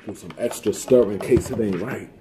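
Laid-back deep-voiced man. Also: moderate pace. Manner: laid-back, folksy, addresses viewers as team. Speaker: vlog co-host. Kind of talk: casual vlog chat. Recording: faint music behind.

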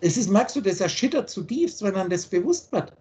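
Blunt high-voiced German man lecturing. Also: big pitch swings, brisk, darkish tone. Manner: insistent, blunt, lecturing with everyday examples. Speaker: spiritual teacher. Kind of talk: lecturing on a video call. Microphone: video call.

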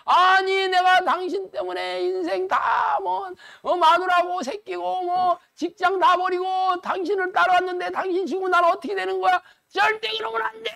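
A man voicing a panicked middle-aged male disciple who protests loudly. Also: very high voice, level tone, normal speed, vocal fry, few pauses, voice pushed up, full character voice. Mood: alarmed protest. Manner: shouting in alarm.

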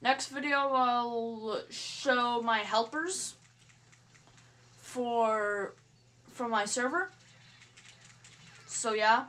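A hesitant woman vlogging while she plays a game, talking at an unhurried, halting pace. Her voice sits a little high, and she stutters and restarts her sentences often. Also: bright, forceful tone. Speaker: gaming YouTuber. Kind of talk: casual vlog talk while playing a game.

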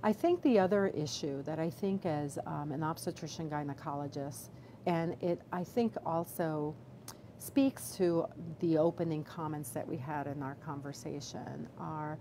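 A middle-aged woman obstetrician gynecologist answering questions in a live video Q&A, measured and full of fillers and restarts. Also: deep voice, dark tone, poor audio. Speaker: obstetrician gynecologist, chief medical officer. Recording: background noise.

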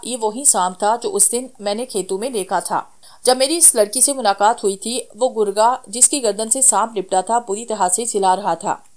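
A woman narrating a horror story in a steady, measured reading voice. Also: on the high side.

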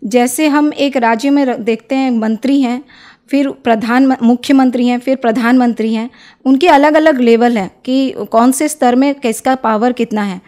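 A young woman speaks as an interview guest, making her case earnestly and persuasively. Her voice sits a little high, and she often pauses on soft filler sounds between phrases. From Odisha, India. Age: young adult. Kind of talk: devotional testimony interview.

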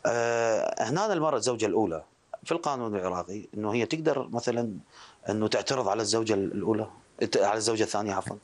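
A man's voice: on the low side, lively intonation, rapid-fire. A man with an Iraqi Arabic accent, asking questions as a television interviewer.

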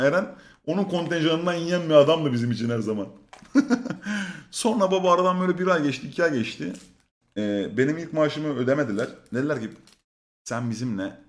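A man tells a story in a casual, animated way, with a voice that sits a little high and swings widely in pitch. He swears freely and breaks into laughter. His voice rings in an echoey room. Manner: swearing, laughing storyteller who acts out others' lines. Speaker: storyteller on a stream. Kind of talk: casual anecdote telling.

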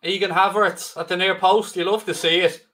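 A middle-aged Irish man chats through a live football match as a co-host. His voice is bright and forceful, pitched a little high for a man. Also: steady tone, normal speed, slight background noise. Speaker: football watch-along co-host. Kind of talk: casual live match chat.

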